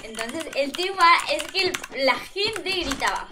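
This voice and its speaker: Young woman, game streamer, high-pitched, playful chat, loud background music. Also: a little slow. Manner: playful, excitable, shrieks during fights, coos at chat. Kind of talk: casual live-stream chat while gaming. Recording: loud music playing under the voice.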